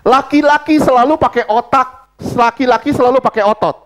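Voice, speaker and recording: A middle-aged man delivers a sermon in a notably high voice. He leans on repetition, saying the same phrase again and again to drive a point home. Between the exhortations he talks to the congregation plainly, as if sharing a personal story. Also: brisk, fairly bright tone, rough recording. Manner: emphatic preaching with heavy repetition of phrases; conversational, personal testimony told to the congregation. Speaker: pastor.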